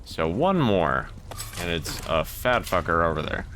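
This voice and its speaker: A man giving casual gameplay commentary as a streamer, thinking aloud in a relaxed way and swearing now and then. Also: low-pitched, unhurried, background noise.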